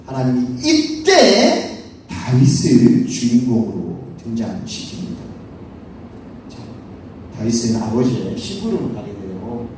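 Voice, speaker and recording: A man's voice: medium pitch, dark tone, a little hiss or hum. A man preaching to children, telling a Bible story playfully and with sound effects. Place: church hall. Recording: echoey hall from far off.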